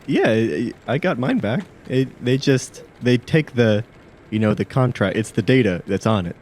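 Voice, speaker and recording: A man's voice: medium pitch, lively intonation, normal speed, a little mellow, a little hiss or hum. A man narrating a tabletop game as game master, hesitant, with many fillers and restarts.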